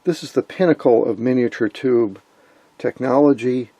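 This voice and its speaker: A man's medium-pitched, dark voice moves at a moderate pace with no echo. Hosting a hobby channel on vintage radio, he gives informal narration about the gear, mixing an enthusiast's interest with wry asides.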